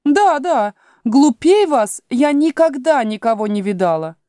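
Woman doing a snide, high talking rose. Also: big pitch swings, unhurried, mellow, no echo, clean studio sound. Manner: snippy, condescending. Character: blunt, condescending talking rose flower. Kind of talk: storybook reading.

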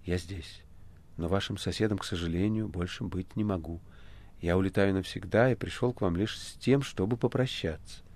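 A man voicing a weary, resigned male writer in an audiobook, speaking low and quietly. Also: fairly even intonation, quick pace, creaky. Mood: sorrowful. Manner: low, hushed and subdued. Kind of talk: audiobook character voice.

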